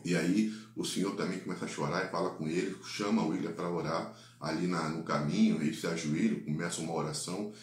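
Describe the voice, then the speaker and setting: Deep-voiced Brazilian man retelling a story. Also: steady tone. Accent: Brazilian Portuguese. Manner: halting, many repeated words and "né?" tags. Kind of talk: retelling a faith-based life story. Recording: echoey room.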